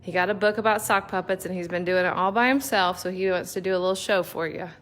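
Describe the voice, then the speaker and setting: A woman's voice: lowish voice, fairly even intonation, fast talker, fairly bright tone. A woman chatting casually as she leads a painting lesson in her home studio, talking through each step. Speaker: lettering teacher and mother.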